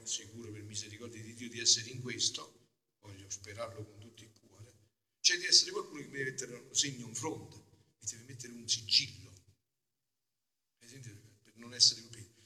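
A man, a friar, preaching a homily in a casual, emphatic way, often checking in with his listeners with a quick question. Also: mid-range voice. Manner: emphatic, keeps asking the congregation "no?"; swells loud on key phrases, then drops to quiet asides. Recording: long church reverb.

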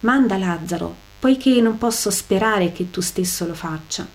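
A woman's voice: medium pitch, moderate pace, lightly acted. A woman reading aloud and voicing a tormented rich man who begs from hell, weeping and pleading desperately.

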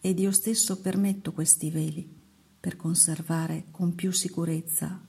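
A woman voicing the Lord as a solemn male divine figure in a slow, measured, hushed devotional reading. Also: lowish voice, fairly even intonation, creaky, husky, heavily acted.

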